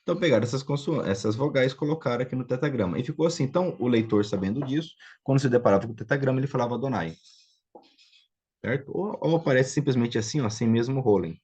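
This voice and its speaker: A man's voice: medium pitch, lively intonation, quick pace, a little mellow, slightly rough. A man with a Brazilian Portuguese accent giving an informal classroom lecture on biblical Hebrew, explaining step by step and often checking that his students follow. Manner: explanatory, checks understanding with frequent tag questions. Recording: dull lo-fi recording.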